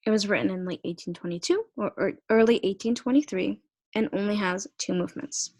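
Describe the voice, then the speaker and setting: A woman's voice: mid-range voice, fairly quick, a little mellow. A young woman gives a research presentation to her class. She talks in a hesitant, searching way, full of fillers and restarts, and trips over a few hard words. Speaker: student presenter.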